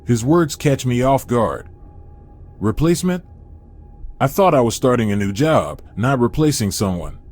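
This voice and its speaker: A man's voice: medium pitch, lively intonation, moderate pace, hardly any pauses, a little mellow. Man narrating a horror story. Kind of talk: scripted first-person horror narration.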